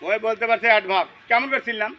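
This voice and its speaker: A male English teacher drilling children in a classroom, loudly firing the same questions again and again in call-and-response. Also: high-pitched, racing. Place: busy classroom full of children. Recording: loud noisy crowd of children.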